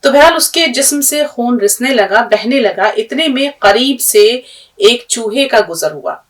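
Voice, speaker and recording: Woman teacher, patient, spells letters out slowly, fairly high voice, mic far off in a classroom. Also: expressive. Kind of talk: language lesson with a story.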